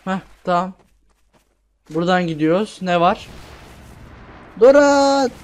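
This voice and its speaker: Excitable young man with a high voice. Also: moderate pace. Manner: excitable, self-mocking, repeats words when panicked. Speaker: gameplay streamer. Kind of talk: casual let's-play commentary.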